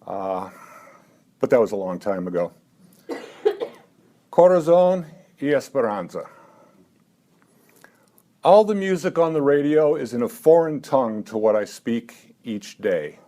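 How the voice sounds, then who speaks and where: A man in his seventies at a live poetry reading, talking haltingly between poems with dry, self-mocking asides and lifting his voice for the verse. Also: medium pitch, very animated, mellow. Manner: halting talk with many "uh" fillers. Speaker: poet.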